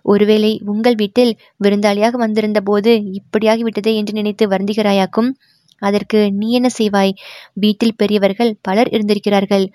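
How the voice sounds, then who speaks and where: A woman's voice: medium pitch, dark tone, no echo, lightly acted. Woman reading a stern, proud royal princess for an audiobook, dry close sound. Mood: consoling. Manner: stern, reproachful.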